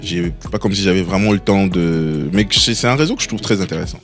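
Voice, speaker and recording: A man's voice: low-pitched, fast, faint music behind. A man hosting a casual talk show, easygoing, agreeing often with short replies. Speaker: host. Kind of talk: casual chat.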